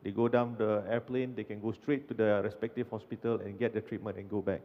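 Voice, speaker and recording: A man on a conference panel explaining his agency's work in a measured way. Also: fairly low pitch, level tone. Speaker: panelist for a national health tourism agency. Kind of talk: panel discussion. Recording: muffled hall reverb.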